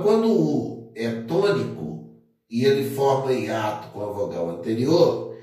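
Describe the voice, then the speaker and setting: A man teaching grammar, explaining step by step and repeating himself. He speaks slowly at a middling pitch. The sound is very echoey and picked up from some distance. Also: a little mellow. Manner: methodical, repeats points, many fillers. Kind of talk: grammar lesson at a board. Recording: echoey room, distant mic.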